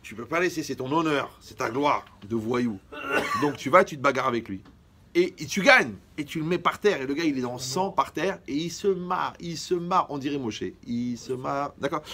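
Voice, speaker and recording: Guy from morocco, rabbi doing a jokey lecture, gravelly voice, keeps asking if you're following. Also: on the high side, normal speed, sharp tone. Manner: joking, often checks in with the audience. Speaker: rabbi giving a holiday lecture. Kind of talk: lively religious lecture with jokes.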